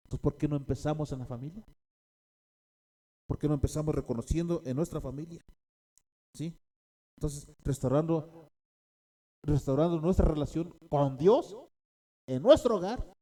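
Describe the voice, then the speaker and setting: A man's voice: mid-range voice, mellow. A man preaching a sermon as a pastor, repeating key phrases and often checking in with his listeners.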